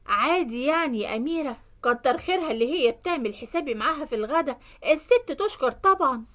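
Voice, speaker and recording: A woman plays a trusting middle-aged Egyptian company owner in a spoken story, slow and soothing. The voice sits high for a man. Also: lively intonation, fairly bright tone. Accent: Egyptian Arabic. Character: kindly, gullible middle-aged male company boss.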